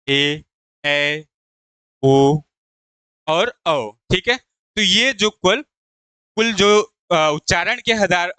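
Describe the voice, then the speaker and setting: A male Hindi teacher gives an exam-prep lesson in a high, clear, smooth voice. He talks slowly and patiently, poses each question and answers it himself. The sound is dry and close. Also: pushed and bright, dry recording. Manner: repeats key terms slowly; addresses viewers as "friends".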